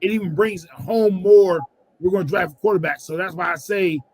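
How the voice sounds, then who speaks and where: A man's voice: high voice, brisk, rough recording. A man on a live sports fan show, giving blunt opinions and stumbling over his words.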